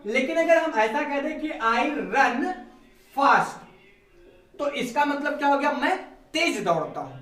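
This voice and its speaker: High-voiced man teaching, echoey room. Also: fairly bright tone. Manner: asks rhetorical questions and answers them himself; repeats key terms slowly. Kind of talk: classroom grammar lesson. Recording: echoey room, mic far off.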